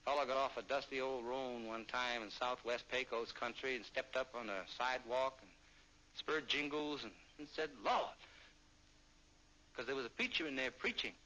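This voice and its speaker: A man in his thirties giving a free-flowing, improvised, jazzy narration, chanting scat-like rhythms and slipping into quick quoted voices. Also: mid-range voice, steady tone, sharp tone. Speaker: film narrator. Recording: dull old film soundtrack with faint hiss.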